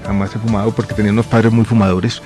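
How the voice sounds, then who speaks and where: A man in his forties answers questions on a radio broadcast. His voice sits low and he speaks in a measured, reflective way, pausing often and filling gaps with small hesitations. Faint music plays under the broadcast. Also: flat delivery, dark tone. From born in Chile, raised in Colombia. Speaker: guest, health minister.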